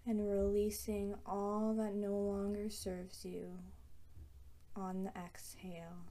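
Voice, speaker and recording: A woman guiding a breathing meditation in a soft, soothing manner with long pauses. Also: medium pitch, flat delivery. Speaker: meditation guide. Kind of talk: guided meditation.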